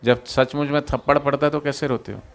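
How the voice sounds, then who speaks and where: A man telling a moral story to students in a sermon, animated, often quizzing the listeners and coaxing them to join in. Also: medium pitch, a little fast, slight background noise.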